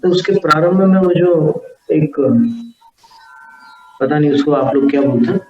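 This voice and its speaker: Male teacher, slightly high voice, careful syllable-by-syllable delivery, echoey distant recording. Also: a little hiss or hum. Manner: slow, deliberate, sounding out syllables. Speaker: religious teacher. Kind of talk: lecture on Sanskrit pronunciation. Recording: echoey, distant, dull lo-fi sound.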